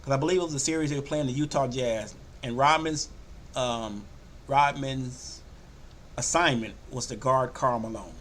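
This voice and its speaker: An older man hosting a sports podcast, talking casually and loosely, often slipping into animated quoted voices. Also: mid-range voice, normal speed, a little hiss or hum. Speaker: podcast host. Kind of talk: casual sports talk monologue.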